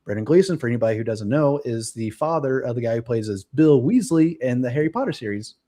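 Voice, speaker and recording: A man joins a casual live stream as the guest expert, chatty and ready with a joke. He cuts in quickly to add a point. His voice sits at an ordinary middle pitch for a man. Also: animated, mellow. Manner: joking, chatty, quick to chime in.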